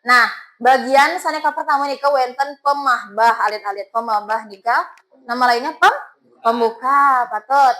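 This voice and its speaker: A woman's voice: high voice, moderate pace, bright, forceful tone, rough recording. A woman teacher with a Balinese accent, coaxing her students with questions as she teaches a class.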